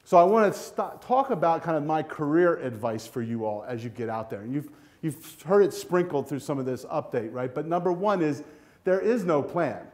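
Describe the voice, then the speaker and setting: Energetic older man giving a keynote. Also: on the high side, normal speed. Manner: energetic, animated, walks the stage with a handheld clicker; direct, coaching tone to students. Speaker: keynote speaker. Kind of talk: conference keynote speech. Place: hotel ballroom with a seated audience. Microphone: lapel mic.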